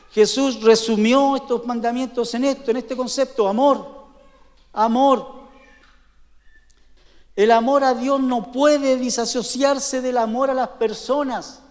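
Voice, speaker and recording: A man preaching a sermon in a high voice. He talks in a conversational way, regularly asking his listeners to confirm they are following. The recording carries the long reverb of a church hall. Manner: conversational preaching with frequent "¿sí?" and "¿no es cierto?" checks. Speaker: pastor.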